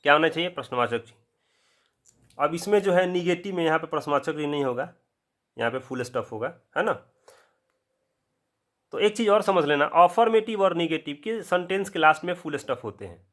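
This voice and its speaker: A man with a Bihari accent giving an English grammar lesson in casual classroom style. He asks the viewer a question, answers it himself, and slows down to spell things out. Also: on the high side, expressive, fairly bright tone. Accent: Bihari Hindi. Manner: drawn-out, spelled-out explanations. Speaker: English teacher.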